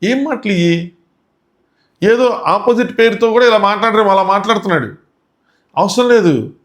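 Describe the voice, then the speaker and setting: A man's voice: high-pitched, animated, normal speed. A man reviewing a reality show in casual commentary, indignant and full of rhetorical questions.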